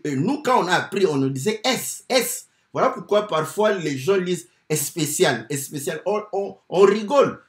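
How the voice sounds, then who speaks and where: A man preaching a sermon, teaching slowly with many fillers and repeated words. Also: on the high side. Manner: slow, lively teaching with many fillers and repetitions. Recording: echoey room.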